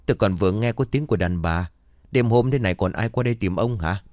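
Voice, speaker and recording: A man's voice: lowish voice, fast, a little mellow, dry recording, studio quality, lightly acted. A man voicing a suspicious village wife nagging her husband with prying questions.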